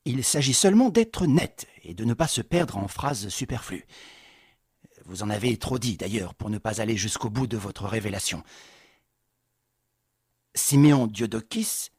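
Man voicing a calm, measured gentleman. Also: slightly rough, no room sound, studio quality. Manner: slow, measured and low. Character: calm, cool-headed gentleman taking control.

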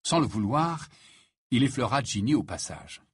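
A man narrating an audiobook in an expressive storytelling manner with a husky voice. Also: mid-range voice, moderate pace, no room sound, studio quality. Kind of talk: scripted narration.

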